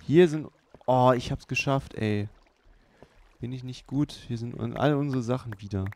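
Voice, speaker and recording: A man hosting a let's play, giving unhurried, chatty running commentary with many fillers. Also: mid-range voice. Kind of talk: casual gameplay commentary. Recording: clear background hiss.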